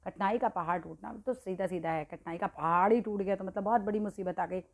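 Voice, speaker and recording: Speaking quickly at a medium pitch, this woman teaches idioms to exam students in a relaxed, chatty Hindi lesson. She addresses them head-on, frequently checks their understanding, and corrects herself along the way.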